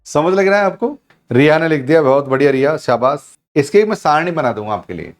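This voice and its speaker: A man's voice: on the high side, animated, a little fast. Male grammar teacher running a live online class. Asks, answers and repeats, and voices syllables aloud to demonstrate. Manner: repetitive call-and-response questioning of students; addresses students as friends and reads their chat.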